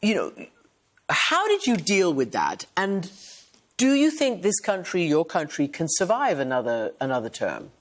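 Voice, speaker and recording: A woman's voice: on the low side, wildly swooping pitch, measured pace, slight background noise. A woman television anchor conducting a news interview, posing poised, probing questions.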